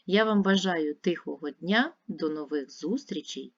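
A woman teacher giving a recorded lesson to young pupils, speaking slowly and repeating words carefully. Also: on the low side, dull audio. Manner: slow, careful, repeats words clearly for children. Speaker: primary school teacher.

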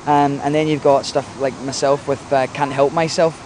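A man's voice: mid-range voice, flat delivery, normal speed, darkish tone. A man from a pop band chatting casually behind the scenes at a video shoot, full of "you know" and "like". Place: outdoor video shoot location. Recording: noisy outdoor ambience.

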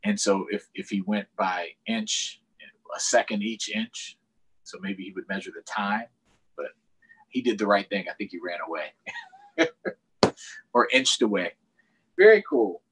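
This middle-aged American man, hosting storytime for kids from a small home room, has a fairly low, fairly bright voice with a sing-song, unhurried delivery and frequent pauses. He reads expressively and explains as he goes. The video-call recording is low quality with some hiss or hum.

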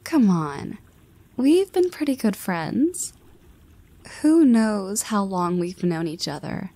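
A woman voice actor takes on the part of a confident young woman ribbing her friend, slipping in playful half-whispers throughout the scripted audio roleplay. Her mid-range voice is mellow with lively intonation, and she takes it slowly.

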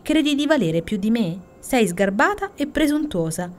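A woman's voice: a little high, very animated, normal speed, pitched above the performer's own voice. Woman doing a huffy old hedgehog. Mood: indignant. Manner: huffy, indignant. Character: touchy proud old male hedgehog, irritable.

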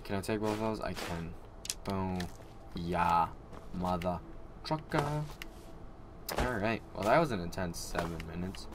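A young man giving excitable let's play commentary as he plays, taunting and swearing at enemies. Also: deep voice, measured pace, pauses often, noisy background. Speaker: gamer playing through an open-world game.

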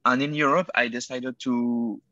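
A young guest entrepreneur from Switzerland in his 20s, with a French accent, answers interview questions hesitantly over a video call, using many fillers and self-corrections. He's in an indoor room by a window, using earbuds. His mid-range voice is steady, bright, and forceful at normal speed, with no room sound and a muffled recording.

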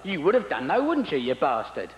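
A man's voice: on the high side, wildly swooping pitch, a little fast, echoey room, long reverb tail, poor audio. A man doing a grumbling, sarcastic Abraham. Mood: mocking. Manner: grudging and sarcastic. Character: weary, grumbling father Abraham.

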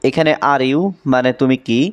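A man teaching English phrases in a slow bilingual drill, glossing each word. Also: medium pitch, fairly even intonation, clear, resonant tone.

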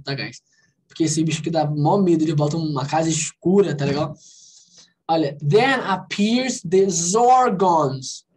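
A man with a Brazilian Portuguese accent leads an online English conversation class. He explains vocabulary patiently, slows down on the English words, and keeps checking in with his students. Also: on the high side, a little mellow. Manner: explains patiently, repeating English words slowly and asking "tá legal?". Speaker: English teacher.

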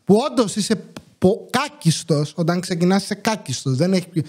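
High-voiced talkative Greek-speaking man. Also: slightly rough. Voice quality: talkative, animated storyteller. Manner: acts out his own past lines in quotes, self-mocking. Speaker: YouTuber, channel host. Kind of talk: casual storytelling monologue. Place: indoor room with his wife nearby.

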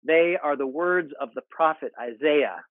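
A man in his forties, a pastor, preaching a sermon from his home study into earbuds on a video call, measured and deliberate. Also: a little high, dry recording. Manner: measured, deliberate preaching with expressive hand gestures. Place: home study with bookshelves, indoors. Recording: phone-like narrow sound, dry.

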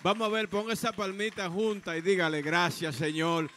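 Male pastor leading congregational prayer, fairly high bright voice. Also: little pitch movement, moderate pace, slight background noise. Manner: exhorting the congregation.

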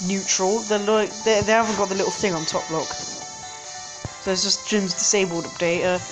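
A woman's voice: medium pitch, fairly even intonation, normal speed, over music. A woman hosting a game channel, giving casual gameplay commentary indoors at home, rambling with frequent hesitations and self-corrections. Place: indoors at home, street outside.

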